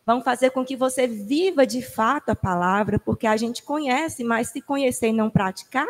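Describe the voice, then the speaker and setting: A woman's voice: on the high side, normal speed. A woman giving an earnest comment in a church Bible class. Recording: reverberant church hall.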